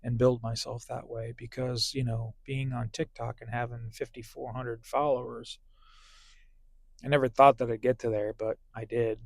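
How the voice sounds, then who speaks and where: A man with a gravelly, fry-laced voice talks casually from inside his parked car. He rambles along with plenty of ums and restarts. The sound is close and dry on a small clip-on mic. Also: medium pitch, level tone, normal speed, no echo. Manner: rambling, filler-heavy talk. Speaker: delivery driver vlogger. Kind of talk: casual vlog chat. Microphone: small clip-on phone microphone.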